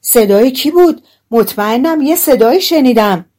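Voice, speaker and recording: A woman voicing a nervous grown male burglar who talks in an urgent, hushed way. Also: medium pitch, expressive, close to an everyday voice.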